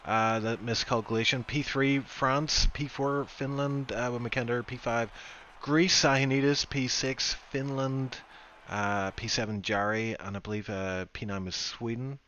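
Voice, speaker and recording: A British man hosts a racing league stream, chatting loosely after the race, rambling and poking fun at himself. His mid-range voice is steady, a little slow, bright and forceful. The stream audio is dull and lo-fi, with a little hiss or hum.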